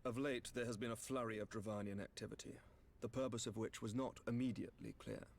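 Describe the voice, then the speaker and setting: In scripted fantasy game dialogue, a male actor plays a courteous, grave knight commander. He uses formal, measured, archaic phrasing in a lowish, slightly creaky voice with fairly even intonation.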